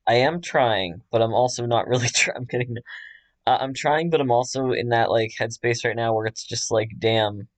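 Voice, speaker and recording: A man's voice: medium pitch, moderate pace, dry recording. A man chatting casually while he draws, joking at his own expense and laughing often. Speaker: artist drawing on a stream. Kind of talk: casual chat while drawing.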